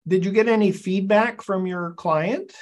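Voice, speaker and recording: An older man hosting an interview over a video call, asking questions in a halting way and repeating words as he forms them. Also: high voice. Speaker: interview host.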